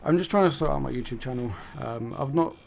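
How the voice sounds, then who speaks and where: A man speaks at a quick pace in a medium-pitched voice that's creaky and a little mellow, with slight background noise. He's a gaming YouTuber delivering a casual, rambling monologue, correcting himself and laughing off the occasional swear. His voice is fading and worn out.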